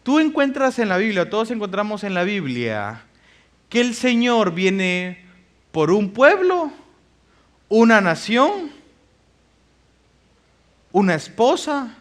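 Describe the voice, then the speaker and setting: A male pastor delivers a sermon, reading scripture passages aloud and posing rhetorical questions to the congregation. His voice sits high and is very animated, and he moves slowly with frequent pauses.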